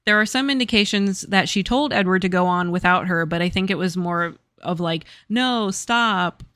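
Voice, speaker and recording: A podcast host telling history in a casual, even delivery, reading out facts between jokes. The pitch is middling. The sound is dry and close to the mic. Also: fairly quick, no room sound. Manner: reads facts evenly, breaks into laughter.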